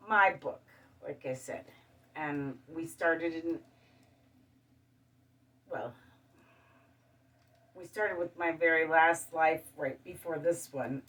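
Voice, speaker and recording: A woman hosting her show, talking calmly in a casual monologue and listing things one by one. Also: low voice, recorded from a distance. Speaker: show host. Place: studio.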